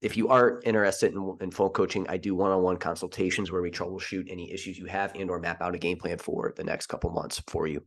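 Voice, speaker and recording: Casting note: man in his thirties, low voice, brisk casual podcast host, rambling with fillers. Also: fairly even intonation. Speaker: podcast host and fitness coach. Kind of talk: solo podcast monologue.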